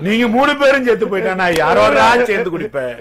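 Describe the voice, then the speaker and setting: A man's voice: sits high, big pitch swings, fast talker, crowd noise. A man playing a weepy, sentimental drunk who wails and laments in a comic film scene. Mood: lamenting.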